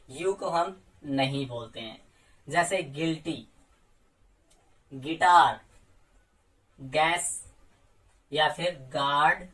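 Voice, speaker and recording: A man teaching English pronunciation in a coaching lesson, patiently saying example words slowly one by one. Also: high-pitched, pushed and bright. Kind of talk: explaining silent letters in a lesson. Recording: voice a little far from the mic.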